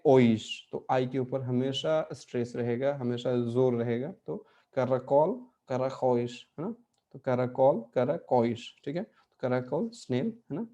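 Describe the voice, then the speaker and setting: Male teacher, mellow voice, patient explaining, checks in often. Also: mid-range voice. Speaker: Portuguese language teacher. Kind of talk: online language lesson.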